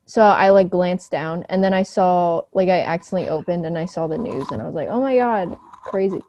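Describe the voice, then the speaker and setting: A teenage girl hosting a casual chat with friends on a video call, telling stories with quick, giggly asides. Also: lowish voice, steady tone, dark tone, dry recording. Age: teens.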